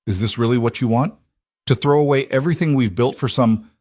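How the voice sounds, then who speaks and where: A man reading a story and voicing a wealthy, menacing man who threatens with calm, false politeness. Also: medium pitch, fairly quick, no echo, clean studio sound, pitched above the performer's own voice, lightly acted. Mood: mocking. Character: cold menacing rich man, smooth-talking.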